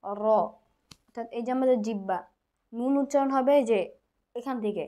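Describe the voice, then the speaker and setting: A woman's voice: on the high side, fairly quick, warm tone. A woman with a Bangladeshi Bengali accent teaching Quran recitation, patiently drilling each letter sound over and over. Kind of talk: slow tutorial with drilled syllables.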